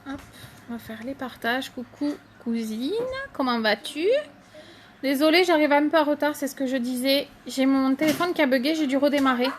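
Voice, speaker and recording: A high-voiced woman chats through a casual live stream, greeting viewers by name as she shows off makeup. Her talk is loose and full of fillers. A faint hiss sits behind her voice. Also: moderate pace.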